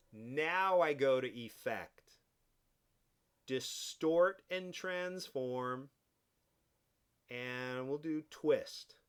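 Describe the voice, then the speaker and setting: A man teaching a design class, walking students through software steps in a relaxed, explaining way. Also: a little high, clear, resonant tone. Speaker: design instructor. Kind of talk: software tutorial.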